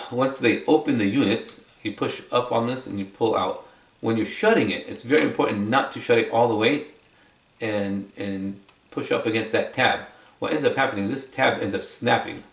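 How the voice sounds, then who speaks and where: In a lowish, gravelly voice, a product reviewer and video presenter gives a casual, unscripted demonstration, explaining things conversationally and repeating phrases for emphasis. The audio has a roomy echo from a distant microphone.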